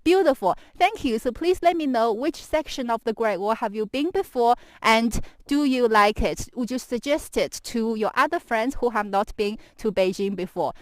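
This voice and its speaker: A woman with a fairly high, dry-sounding voice hosts a live stream as she walks outdoors in the snow. She chats in a giggly, talkative way and drifts between English and Mandarin as she addresses her viewers. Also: moderate pace, few pauses, dry recording, low-quality recording. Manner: chatty and giggly, laughing often. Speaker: live stream host and guide on a walk. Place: outdoors on a snowy stretch of the Great Wall, walking. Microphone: handheld camera follows her while she walks.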